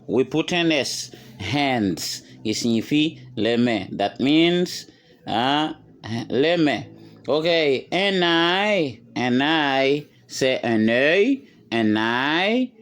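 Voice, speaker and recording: A man teaching English vocabulary to French speakers, slowly repeating words and lifting his voice on each English example. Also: mid-range voice, a bit bright. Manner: slow, repeats words for learners. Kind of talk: bilingual vocabulary lesson.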